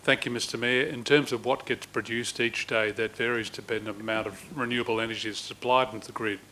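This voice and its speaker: A man's voice: medium pitch, steady tone, fast talker, bright, forceful tone, slight background noise, poor audio. A man, a council chief executive, giving formal explanatory answers at a meeting.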